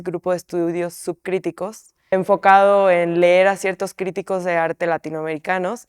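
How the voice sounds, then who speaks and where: A woman's voice: lowish voice, clear, resonant tone, no echo, studio quality. A woman, an artist, explaining a piece in an interview in a reflective way, often tagging her sentences with questioning asides. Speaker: artist in a collective.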